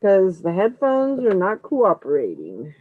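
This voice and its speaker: A woman's voice: medium pitch, huge pitch swings, a little slow, no room sound. A woman hosting a casual live stream, checking her audio, her voice muffled as if heard through a wall. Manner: chatty, fussing over audio checks. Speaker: livestream host. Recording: muffled phone-like dry audio.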